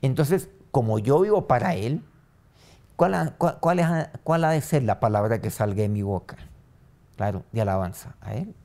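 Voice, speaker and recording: A man pastor preaching a sermon and leading a prayer, his voice swinging from loud rising lines to soft low ones. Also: expressive, moderate pace, creaky. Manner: preaching with sudden rises and soft drops.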